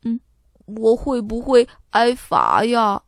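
A woman doing a high, slow, sheepish young boy. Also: huge pitch swings, no echo, studio quality, heavily acted. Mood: worried. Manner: drawn-out, pleading, with hesitant "嗯" fillers. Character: young schoolboy, anxious and sheepish. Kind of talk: storybook reading.

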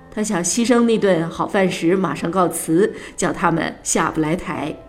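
A woman reading a novel aloud on the radio in measured, expressive narration. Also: mid-range voice.

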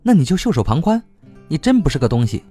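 A man's voice: mid-range voice, big pitch swings, moderate pace, a little mellow, soft background music, pitched above the performer's own voice. A man voicing a blunt, hot-tempered young woman in an audiobook, scolding and swearing. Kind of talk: audiobook reading.

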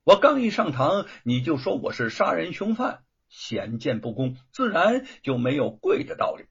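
A man's voice: fairly high pitch, very animated, normal speed, gravelly, breathy edge, exaggerated voice. A male storyteller voicing a proud, defiant scholar who answers with ringing scorn. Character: defiant proud scholar, middle-aged man. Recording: dull lo-fi recording.

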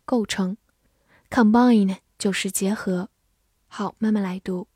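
A woman, a native Chinese speaker, teaching English vocabulary in a scripted lesson, spelling words out letter by letter and reading example sentences slowly. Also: medium pitch, warm tone, no echo, studio quality.

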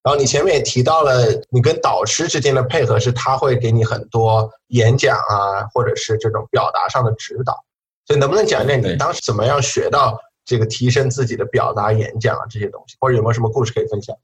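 Male podcast host, quick pace, asks long framed questions. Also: mid-range voice. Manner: asks long framing questions, short backchannels. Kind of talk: casual podcast interview.

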